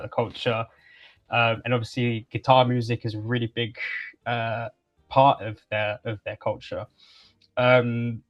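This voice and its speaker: Hesitant young man on a video call. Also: medium pitch. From England. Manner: hesitant, many fillers and restarts. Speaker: guest. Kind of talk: casual interview conversation.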